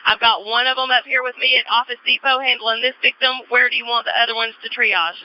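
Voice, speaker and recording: A woman's voice: fairly high pitch, fairly even intonation, fast talker, pushed and bright, no room sound. A woman police officer making clipped radio calls with radio codes, heard over a two-way police radio. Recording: muffled dry radio audio.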